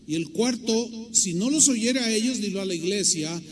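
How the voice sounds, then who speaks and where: Pastor, high and bright for a man; emphatic sermon, bursts loud, falls quiet. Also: expressive, normal speed, slight background noise. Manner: emphatic preaching, swinging between loud stresses and quiet asides.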